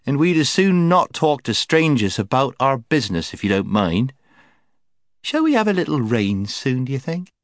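A man's voice: mid-range voice, very animated, moderate pace, no echo, studio quality, pitched above the performer's own voice. A man voicing a solemn, guarded old guide who speaks stiffly and warily. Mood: wary. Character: gloomy wary marsh-wiggle guide, stiff.

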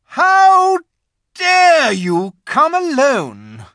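Man putting on a cold witch queen, high, sharp, imperious, close dry sound. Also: wildly swooping pitch, extremely slow, no echo, full character voice. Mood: furious. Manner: imperious, menacing.

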